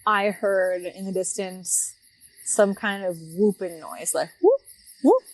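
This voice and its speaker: Young woman, somewhat low voice, relaxed reflective storyteller, chatty fillers. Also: rough recording. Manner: reflective, unhurried, many fillers. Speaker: guest telling her story. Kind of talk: casual spoken storytelling.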